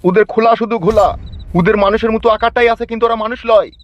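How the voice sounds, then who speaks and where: Very fast and close to an everyday voice, this high-pitched man keeps fairly even intonation while playing an angry, stubborn village father in a Bengali cartoon comedy. He blusters and threatens in a rural West Bengal accent over dull lo-fi sound and faint music.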